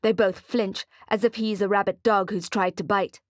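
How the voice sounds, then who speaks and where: Female audiobook narrator, mid voice, measured thriller read, dead-dry booth. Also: medium pitch, steady tone, no echo. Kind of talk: scripted narration.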